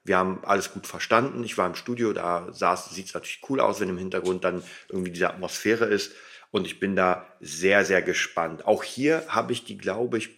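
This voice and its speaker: A man's voice: low-pitched, normal speed, creaky, a bit bright. A man hosting a casual, rambling solo podcast, informal and emphatic, his articulation slightly impeded by a dental retainer. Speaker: podcast host.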